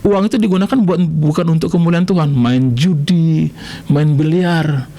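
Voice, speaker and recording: Man, middle-aged, from Medan, high-pitched, animated, radio sermon testimony. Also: normal speed, slight background noise. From Indonesia, Medan. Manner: animated, swings between loud exclaims and low asides. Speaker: pastor guest. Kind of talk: testimony preaching on live radio.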